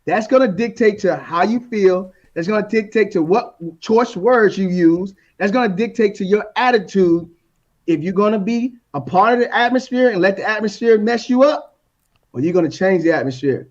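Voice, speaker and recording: A man's voice: high-pitched, normal speed, highs cut off. A man giving a motivational talk on customer service, preachy and repeating key lines for emphasis. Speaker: guest speaker.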